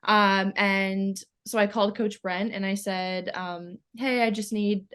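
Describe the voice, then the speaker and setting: A woman's voice: mid-range voice, little pitch movement, a little slow, a bit bright, clean tone. A teenage girl from Canada, an athlete answering interview questions in a chatty way, with lots of ums and likes. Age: teens. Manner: chatty, many ums and likes, laughs often. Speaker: swimmer interviewee.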